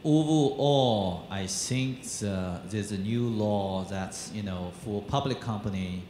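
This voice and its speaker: A panel moderator at a conference speaks haltingly in an echoey hall, with many fillers and restarts. His voice is low and mellow. Faint ambience, plus a little hiss or hum, sits in the recording.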